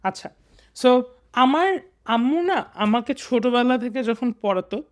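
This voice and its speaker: A man's voice: extremely high pitch, lively intonation, measured pace, faint music behind. A young man in his twenties with a Bangladeshi accent, tutoring students in English grammar. He talks patiently and reads sentences in small pieces, mixing English words into his explanations. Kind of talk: casual exam lesson.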